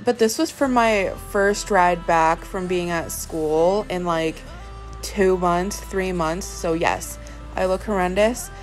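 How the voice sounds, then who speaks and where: Over a rough recording, a young equestrian vlogger with a fairly low voice talks casually about her riding in voiceover, chatty and quick to poke fun at herself. The setting is mostly an indoor arena and barn, with some shots outdoors.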